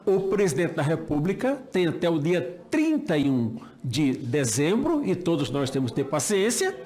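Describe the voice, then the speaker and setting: A man's voice: on the high side, big pitch swings, moderate pace, mellow. An older Brazilian man giving an impassioned political speech, emphatic, with rhetorical questions and repeated phrases. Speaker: speaker at a senate hearing, former judge.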